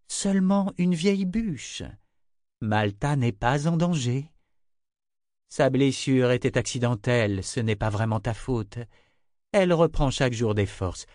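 A man's voice: mid-range voice, darkish tone, no echo, clean studio sound. A man voicing a tired, stern mother who speaks curtly and then soothingly to her drunk son.

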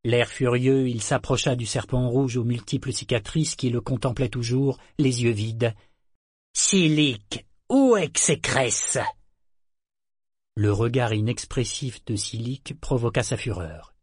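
A man narrating an audiobook in a measured, even storytelling manner. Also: mid-range voice, slightly rough, dry recording, studio quality.

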